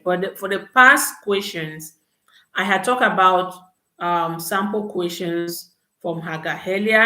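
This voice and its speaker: A young woman hosts a live Q&A, giving advice and checking in with "okay" and "all right." Her voice sits a little low. The room around her sounds echoey and open. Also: pushed and bright. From Cameroon. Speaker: host answering study-abroad questions. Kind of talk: live Q&A chat. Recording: roomy echo.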